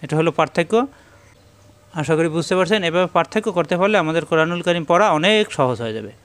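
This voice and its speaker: A man teaching Quran recitation, patiently explaining the rules and repeating syllables slowly and emphatically so students can copy them. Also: fairly high pitch, lively intonation, fairly bright tone, clear, resonant tone. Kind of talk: tajweed lesson, modeling pronunciation.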